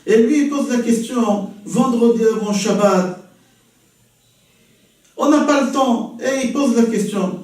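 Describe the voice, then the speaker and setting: A man giving a lesson as a lively, animated storyteller. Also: very high voice, measured pace, pauses often, far from the mic. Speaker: teacher. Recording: very echoey room, voice from afar.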